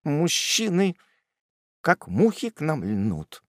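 A man's voice: fairly high pitch, huge pitch swings, slow pace, no room sound, studio quality, pitched above the performer's own voice, exaggerated voice. A man voicing a shy, sentimental unmarried middle-aged aunt who speaks coyly, with a fluttering manner, in a storybook reading.

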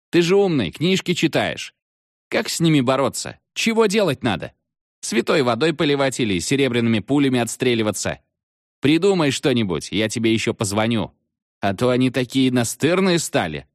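A man voicing a seventh-grade schoolboy who shouts urgently down a payphone. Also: medium pitch, very animated, no echo, studio quality, pitched above the performer's own voice, natural voice. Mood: brash. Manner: loud, urgent, hurried shouting. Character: excitable schoolboy on a payphone, about thirteen.

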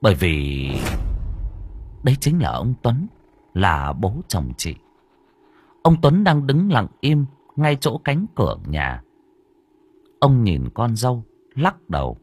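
Husky, expressive male storyteller. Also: fairly low pitch, no room sound. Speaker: audiobook narrator. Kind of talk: storytelling narration. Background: faint background music.

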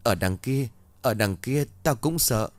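A man's voice: brisk, no echo, close to an everyday voice. A man voicing a panicky village boy who stammers in fear in a storybook ghost tale. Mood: fearful. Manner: stammering, shrill when shouting.

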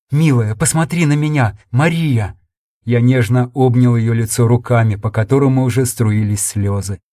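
A man's voice: medium pitch, warm tone, dry recording, studio quality. A man reading a first-person sci-fi audiobook in an intense, dramatic storytelling manner. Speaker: audiobook narrator.

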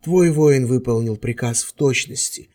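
A man reading an audiobook voices a sorceress with a low, husky voice who gives curt, commanding orders. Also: measured pace, mellow, natural voice. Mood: calm.

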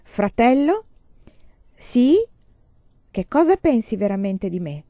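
A woman's voice: fairly high pitch, big pitch swings, takes it slowly, warm tone, dry recording, highs cut off, voice pushed up, heavily acted. A woman voicing a determined young woman who presses earnestly for an answer in a storybook reading.

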